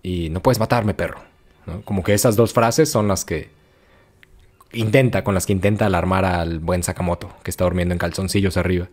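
A Mexican-accented man retells a story in loose, slangy chat with a fairly low voice. He keeps breaking into acted-out quotes. His delivery is casual and lively. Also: brisk. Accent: Mexican Spanish. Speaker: podcast host.

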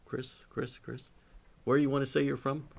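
A man's voice: mid-range voice, level tone, normal speed, creaky. A man hosting a podcast, asking questions and steering a casual chat. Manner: leads the talk, asks questions. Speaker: podcast host.

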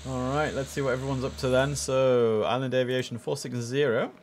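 Speaking a little fast in a flat, medium-pitched voice, a young man streams an air traffic control game from a desk in his home. He wears a headset, addresses his viewers chattily and punctuates his casual play commentary with clipped radio calls.

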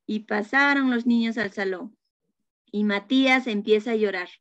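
A woman's voice: mid-range voice, moderate pace, fairly bright tone, no echo. A young woman, a teacher-training student narrating a class role-play over a video call. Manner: simple storytelling. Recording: dull lo-fi video call audio.

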